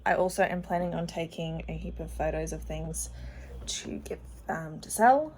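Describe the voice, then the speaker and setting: A woman's voice: low-pitched, moderate pace, darkish tone, breathy edge. Chatty young woman vlogging. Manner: chatty and rambling, with frequent ums and likes. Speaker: book vlogger. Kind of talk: casual reading vlog chat. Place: at home. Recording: noisy home recording.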